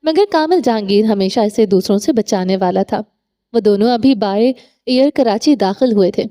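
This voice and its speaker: Mellow woman narrating a novel. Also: mid-range voice. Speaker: audiobook narrator.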